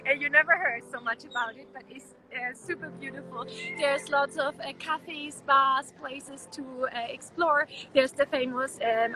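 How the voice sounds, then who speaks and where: High-voiced young woman, street noise. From Germany. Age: young adult. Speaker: vlog co-host and student. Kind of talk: casual city tour vlog. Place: outdoors in a city square. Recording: clear street noise behind.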